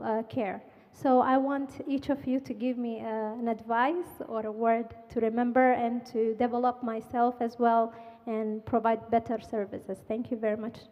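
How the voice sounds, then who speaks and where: High-voiced woman asking from the floor. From Saudi Arabia. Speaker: audience member asking a question. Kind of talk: audience question at a forum. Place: conference auditorium. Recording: muffled hall reverb.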